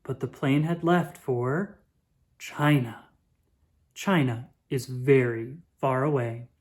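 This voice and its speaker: A woman reading a children's picture book aloud with expressive, drawn-out emphasis. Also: a bass voice. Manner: animated, dramatic emphasis with drawn-out words.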